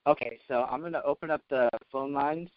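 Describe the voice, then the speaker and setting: A man's voice: medium pitch, brisk, no room sound. A man moderating a live call-in, his phone call breaking up and dropping out as he talks politely and hesitantly. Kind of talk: hosting a live call-in webcast. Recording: dull lo-fi phone line, dry.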